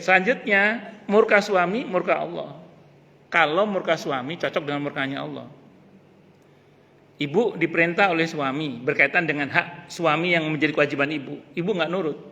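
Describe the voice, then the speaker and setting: A man a tinge gives a casual religious lecture, lively and joking. His voice is bright and a little high. A long reverb from the mosque hall trails behind him. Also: gravelly. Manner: lively, joking asides, repeats key phrases. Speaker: ustadz teaching a mosque study group.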